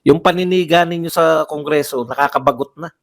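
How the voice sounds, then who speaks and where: A man's voice: fairly high pitch, a little fast. A man giving heated livestream political commentary, firing off rhetorical questions and repeating phrases for emphasis.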